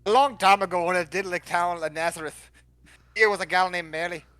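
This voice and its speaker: A playful storyteller with a broad Jamaican lilt and a slight lisp, as a man puts the accent on. The voice sits high and bright, and it rolls through the tale in a comic read-aloud way. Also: brisk, clean tone, no room sound. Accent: put-on Jamaican.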